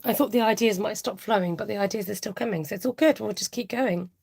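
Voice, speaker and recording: A woman's voice: medium pitch, quick pace, creaky, darkish tone, breathy edge. A woman in her forties chatting casually on a budgeting livestream, giggly and reading out viewer comments.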